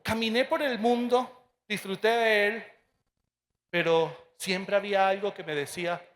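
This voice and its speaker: A priest in his forties telling a personal testimony to an audience, earnest and emotional, with dramatic pauses. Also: high voice, steady tone, fairly bright tone, a little hiss or hum.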